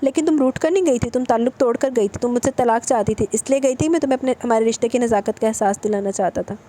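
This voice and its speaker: A woman's voice: a little high, warm tone, natural voice. A woman voicing a brooding young husband in a romance novel reading, earnest and lecturing. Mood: reproachful.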